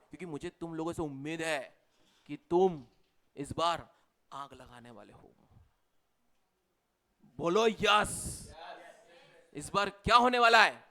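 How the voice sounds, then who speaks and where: A man's voice: on the high side, bright, forceful tone. A man teaching a commerce revision class with an Indian accent, chatty and teasing, mixing Hindi with English terms. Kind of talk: live class revision lecture.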